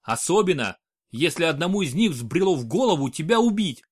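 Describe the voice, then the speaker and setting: A man's voice: fairly high pitch, big pitch swings, brisk, slightly rough, voice pushed up. A man reading an audiobook, voicing a bitter, volatile young male prince-regent in a raised, tense voice. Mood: grim. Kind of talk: audiobook character voice.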